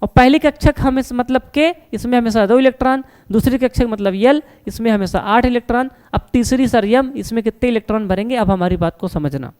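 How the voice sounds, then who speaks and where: A man with a smooth, clear voice teaches a science lesson at the board. He keeps firing questions and answering them himself, calling his students "beta" and "sir" and reassuring them that nothing is hard. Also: very high-pitched, a little mellow. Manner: reassuring, repeats "no problem".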